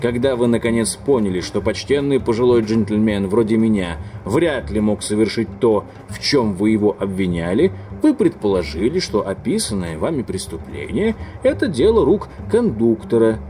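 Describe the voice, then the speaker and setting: Male reader doing a low, smug older doctor, measured and coaxing. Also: very animated, warm tone, a little hiss or hum. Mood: calm.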